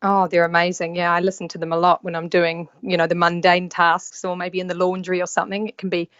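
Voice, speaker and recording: A woman's voice: lowish voice, flat delivery, fast, a bit bright, clear, resonant tone, dry recording. A woman from New Zealand with a New Zealand accent, a podcast guest talking in an easygoing way over a video call. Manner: easygoing, with fillers and small restarts. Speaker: podcast guest, yacht stewardess. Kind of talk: casual interview chat. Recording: dull, dry call audio.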